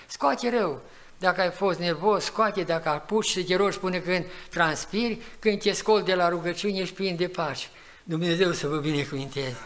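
Older man preaching, high voice. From Romania. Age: 80s. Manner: tells stories, rising to loud exhortation. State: sweating. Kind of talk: farewell sermon with testimony. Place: church hall. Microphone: live church recording.

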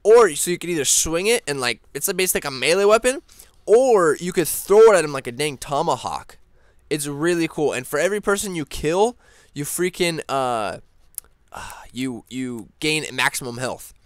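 Rambling young man with smooth dry voice. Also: a little high, normal speed, no room sound. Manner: rambling, excitable, frequent fillers and restarts. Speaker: gaming channel host. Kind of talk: casual gaming news vlog.

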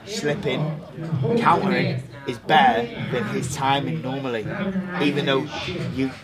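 Interviewer: young British man, drunk, effusive and matey, casual hype talk, loud crowd backdrop. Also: mid-range voice, steady tone, a little slow. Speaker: interviewer and amateur fighter. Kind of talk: casual chat. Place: large open indoor lounge, on a sofa. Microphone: camera a short distance away. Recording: loud crowd chatter behind.

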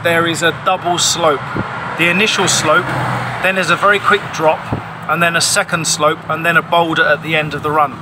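A paraglider pilot in his forties vlogs outdoors under a tarpaulin canopy, giving an emphatic, insistent explanation to camera in a voice on the high side. He's recorded on a phone held at arm's length, with clear outdoor ambient noise.

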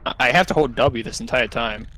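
A man chatting while playing a horror game with friends, excitable and teasing. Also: medium pitch, a little fast, slight background noise, low-quality recording. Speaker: gamer. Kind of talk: casual gaming chat. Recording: game music behind.

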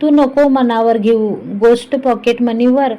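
A woman's voice: a little high, steady tone, unhurried, muffled recording, natural voice. A woman voicing a cheeky, talkative young man teasing his older brother in a storybook reading. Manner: chatty, cheeky, playful.

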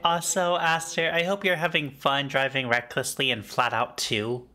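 A woman's voice: very deep voice, steady tone, moderate pace, sharp tone. A woman chatting casually during a drawing game, giggly and talkative. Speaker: streamer guest. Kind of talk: casual gaming chat.

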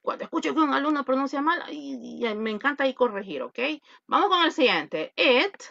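A woman's voice: high-pitched, lively intonation, a little fast, vocal fry, a bit bright, no room sound, dull audio. A woman teaching an online English class, mixing Spanish and English and correcting pronunciation. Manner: switches between Spanish and English.

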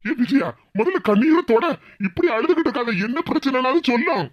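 A woman voicing a mild, bewildered middle-aged village husband in a cartoon, speaking Tirunelveli Tamil with slow, worried questions. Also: sits high, expressive, dry recording, muffled recording, voice pushed down.

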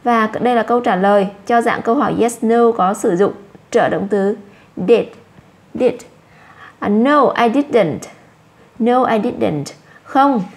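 A woman with a Vietnamese accent teaching English to children, saying each English word slowly twice and explaining it in Vietnamese. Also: on the high side. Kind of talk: slow classroom explanation for children.

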